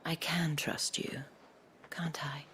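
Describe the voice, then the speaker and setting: A poised, calculating madam for a video game. She speaks in a low, unhurried voice, breathy and seductive, sliding toward a whisper. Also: flat delivery, a bit bright, heavily acted. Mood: seductive, hushed. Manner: slow, deliberate, breathy delivery dropping to near whisper. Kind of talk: scripted video game acting.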